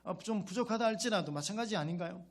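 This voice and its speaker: A man's voice: high voice, fast. A male pastor preaching a sermon in a conversational way, often putting rhetorical questions to his congregation and acting out a child's grateful words.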